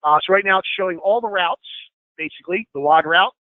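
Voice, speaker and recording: A man leads a software training over screen share, walking through each step with lots of filler words and asking for questions. His fairly high voice is quick and slightly hoarse, and he clears his throat now and then. The audio is thin, tinny, phone-like, very dry, and without echo.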